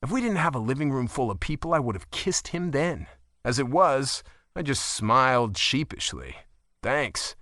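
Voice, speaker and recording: A man narrating a romance audiobook in the first person, expressive and wry. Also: mid-range voice, normal speed, no room sound, studio quality.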